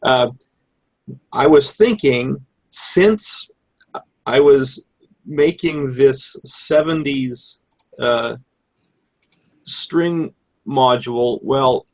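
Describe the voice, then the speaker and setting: A man's voice: mid-range voice, extremely slow, pauses often, poor audio. A man giving an informal technical show-and-tell, with computer mouse clicking behind his talk. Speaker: electronics hobbyist presenter. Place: live online hangout with screen share.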